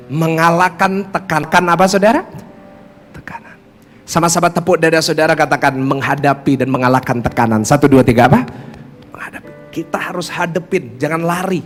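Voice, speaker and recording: Brief: animated male pastor preaching, acts out voices, in a reverberant hall. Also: fairly high pitch, normal speed. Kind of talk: sermon. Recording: music bed, long hall reverb.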